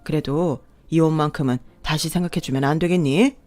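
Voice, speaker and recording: A performer voicing an older father-in-law who speaks slowly and gravely, full of remorse, in a radio drama. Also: on the high side, fairly even intonation, darkish tone, dry recording, faint music behind, lightly acted. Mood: remorseful. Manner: slow, grave, apologetic.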